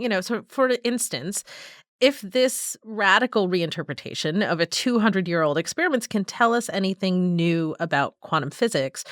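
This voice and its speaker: Woman, science reporter, animated intonation, casual, hedging, dry close recording. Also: medium pitch, dry recording. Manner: explanatory, lively, hedging.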